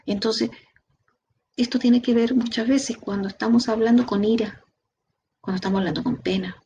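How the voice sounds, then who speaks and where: Gravelly Chilean woman teaching a class. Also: a little high, moderate pace, highs cut off, slight background noise. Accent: Chilean Spanish. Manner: lively, talks to the class directly with rhetorical questions. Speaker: instructor. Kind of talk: online training lecture.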